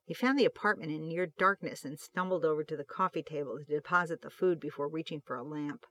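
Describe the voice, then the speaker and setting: Audiobook narrator, fan fiction, steady expressive reading, mid pitch. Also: fast.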